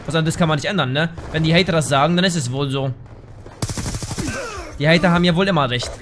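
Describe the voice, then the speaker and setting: A man giving casual gameplay commentary, excitable, yelping and swearing at the game into a desk microphone at home. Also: on the high side, fast, noisy background. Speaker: gaming YouTuber.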